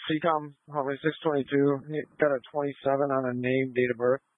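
A man radios in as a police officer with terse, procedural phrasing. His medium-pitched voice is dry and squeezed into a thin radio channel. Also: flat delivery, a little fast, no room sound, phone-quality sound. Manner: terse, procedural, spells with a phonetic alphabet. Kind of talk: routine police radio call-in.

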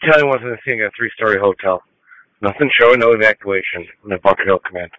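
Low, rapid-fire male fire chief. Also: sharp tone, dry recording. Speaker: fire battalion chief on radio. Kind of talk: radio command traffic. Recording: dull radio channel.

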